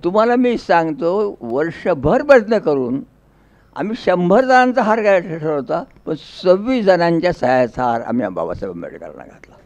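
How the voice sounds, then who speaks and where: A man's voice: fairly high pitch, sing-song, normal speed, darkish tone, lo-fi sound. A man giving a folksy storytelling speech, acting out dialogue in a rural dialect. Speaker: public speaker.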